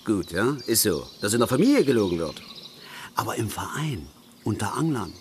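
An actor playing a bitter, stubborn middle-aged angler in a radio play, ranting in a gruff, pedantic way. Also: male voice, lowish voice, big pitch swings, normal speed, slight background noise. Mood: hurt.

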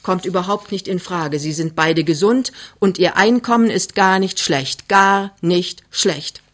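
A reader voicing a skeptical, tired middle-aged doctor who speaks in a raised, pressing, hurried way. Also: mid-range voice, fairly bright tone, natural voice. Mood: brisk.

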